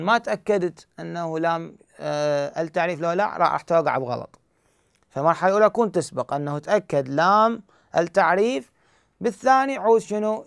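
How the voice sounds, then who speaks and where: A man's voice: sits high, gravelly, fairly bright tone, smooth, dry recording, clean studio sound. A man with an Iraqi Arabic accent, teaching Quran recitation rules step by step and answering his own questions. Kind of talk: explanatory lesson.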